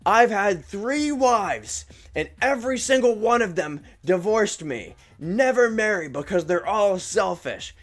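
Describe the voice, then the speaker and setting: A man voicing a drunk, bitter man in his fifties who rants loudly, slurring and repeating himself. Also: high voice, animated, unhurried, few pauses, voice pushed up. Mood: drunk ranting. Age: 50s. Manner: loud, slurred, repetitive ranting. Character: drunk, bitter middle-aged man ranting.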